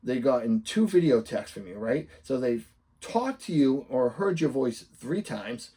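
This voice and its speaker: A man's voice: medium pitch, very animated, a little slow, dark tone, husky. A man with a Boston accent coaching real estate sellers' agents, talking emphatically and acting out upbeat sample messages. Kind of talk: instructional talk to camera.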